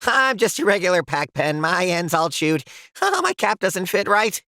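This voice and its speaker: A man's voice: sits high, very animated, moderate pace, sharp tone, dry recording, studio quality, exaggerated voice. An actor playing a shy, self-doubting young male pen in a cartoon, stammering and anxious. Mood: nervous. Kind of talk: animated cartoon voice acting.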